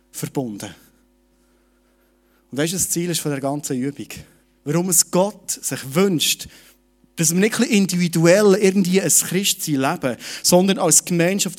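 A middle-aged man preaching a sermon in a lively, direct way, speaking to each listener personally. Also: fairly high pitch, unhurried. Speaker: pastor.

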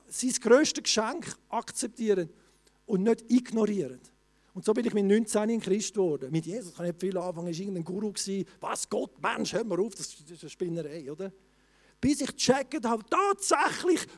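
A man preaching a sermon in a colloquial way, often restarting his sentences and rising to loud exclamations. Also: very high voice.

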